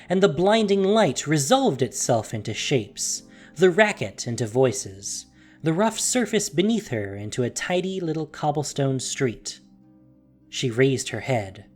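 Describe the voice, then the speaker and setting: Over background music, a medium-pitched narrator performs a scripted, dramatic audio story, leaning on hushed emphasis and carefully placed pauses for theatrical effect.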